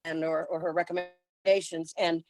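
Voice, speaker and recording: A woman giving a halting meeting report over a video call whose audio keeps cutting in and out. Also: on the low side, flat delivery, darkish tone. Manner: halting, with many fillers and restarts. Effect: choppy video-call audio that cuts in and out. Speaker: housing committee member reporting remotely. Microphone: video call over home Wi-Fi.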